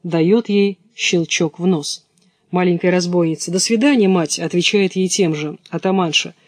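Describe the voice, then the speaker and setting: A man reads a play aloud, giving the stage directions in a plain, matter-of-fact voice. His voice sits fairly high, and the recording is dry and close. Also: fairly even intonation, normal speed, dry recording. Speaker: reader.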